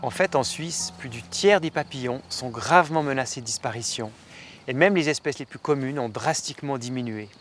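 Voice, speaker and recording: A man's voice: medium pitch, brisk, a bit bright, faint music behind. A man presenting a documentary in a casual spoken style, recorded outdoors in the countryside. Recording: faint outdoor noise with insects. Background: faint insects and ambience.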